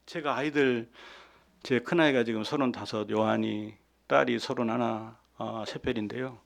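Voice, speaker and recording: A man in his fifties, a pastor delivering a sermon, moving between hushed asides and loud, emphatic preaching. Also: medium pitch, steady tone, normal speed, creaky. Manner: acts out quoted lines softly.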